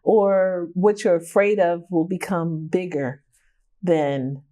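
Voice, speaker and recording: A woman's voice: lowish voice, fairly even intonation, slow pace, dark tone. A woman in her fifties, a guest artist in a casual interview, talking reflectively, laughing often and repeating phrases as she thinks. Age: 50s.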